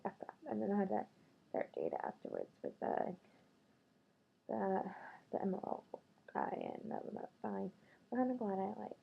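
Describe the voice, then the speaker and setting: A woman vlogs about dating in a loose, chatty way, full of "like" and sudden quoted lines. Her voice is husky with a gravelly edge. The sound is thin and tinny, like a phone line. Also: mid-range voice. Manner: chatty, filler-heavy, quotes others in raised voice. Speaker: vlogger. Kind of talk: casual storytelling about dating.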